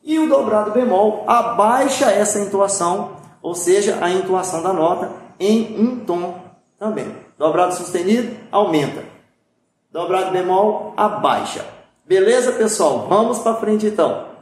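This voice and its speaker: A man's voice: high voice, animated, a little slow, a little hiss or hum. A man giving a recorded music theory lesson, explaining patiently and checking often that his students are following. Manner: patient, repetitive explaining with frequent "pessoal" and "tá?". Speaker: music teacher. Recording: very echoey room.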